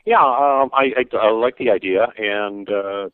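A man co-hosting a podcast over the phone, talking in a halting, thoughtful way with many fillers. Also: on the low side, clear, resonant tone, no room sound. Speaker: podcast co-host. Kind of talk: casual chat. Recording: tinny phone line.

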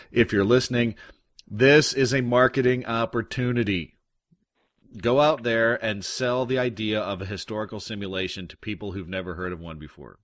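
A man's voice: on the low side, a bit bright, dry recording, clean studio sound. A man hosting a podcast, chatting casually through the news with lots of restarts and fillers. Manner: rambling, many restarts and fillers. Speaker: podcast host.

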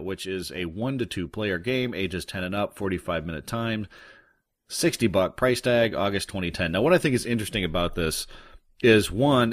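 A podcast host with a lowish voice chats casually through the news, rambling with lots of restarts and fillers. The recording is studio quality with no room sound.

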